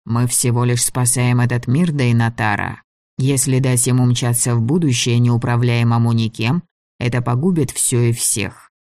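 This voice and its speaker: A man reading the lines of a falsely gentle, menacing old elder mage, calm and smooth in an audiobook. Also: mid-range voice, normal speed, dry recording, clean studio sound, lightly acted. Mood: coldly calm.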